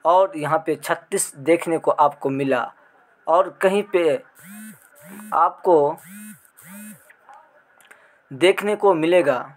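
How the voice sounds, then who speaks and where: A man's voice: a little high, pauses often. A male teacher with an Indian Urdu accent gives an exam prep grammar lesson, explaining step by step and reciting letters one at a time.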